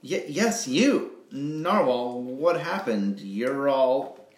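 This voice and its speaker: A man's voice: medium pitch, expressive, extremely slow, pitched above the performer's own voice. A man reading the part of an incredulous jellyfish in a children's storybook, questioning and disbelieving. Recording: echoey room with faint noise.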